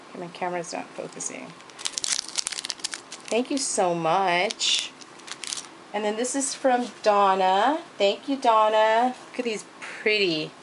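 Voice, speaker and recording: A woman's voice: mid-range voice, background noise. A woman craft vlogger showing off gifts in a casual show-and-tell, gushing and thanking people over and over. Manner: gushing, repeats thanks and praise.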